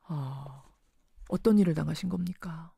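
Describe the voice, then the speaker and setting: A woman's voice: deep voice, normal speed, creaky, dark tone, breathy edge, no room sound, clean studio sound. A woman hosting a radio news interview, articulate, restating what she hears as questions. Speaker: radio news show host.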